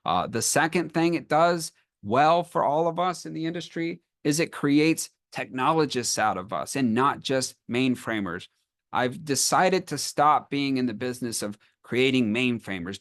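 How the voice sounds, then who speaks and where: A man's voice: medium pitch, fairly bright tone, no echo. Guy presenting a tech webinar over a call, eager explainer, a bit worn voice, dry sound. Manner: enthusiastic, explanatory. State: losing his voice. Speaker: conference speaker.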